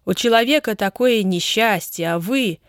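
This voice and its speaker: Lady reading as a soft old granny in a storybook, a bit scolding, dry close sound. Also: medium pitch, normal speed, dry recording, pitched above the performer's own voice, lightly acted. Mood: reproachful. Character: fussy kindly old grandmother.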